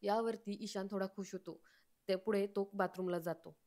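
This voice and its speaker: A woman's voice: mid-range voice, fairly even intonation, moderate pace, mellow. A woman narrating a recap of a TV serial episode in plain storytelling.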